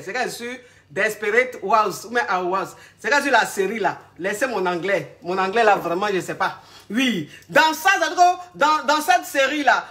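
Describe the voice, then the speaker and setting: A woman's voice: a little high, fairly bright tone. A woman giving relationship advice in a casual live talk, speaking straight to her viewers and rambling as she searches aloud for words. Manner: addresses the audience directly and familiarly. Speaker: relationship coach.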